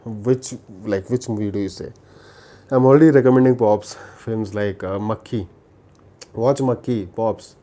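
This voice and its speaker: A man's voice: fairly low pitch, unhurried, dark tone. A man from India with a Telugu Indian accent, chatting casually as a livestream host, often repeating words and restarting sentences. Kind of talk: casual chat, recommending films.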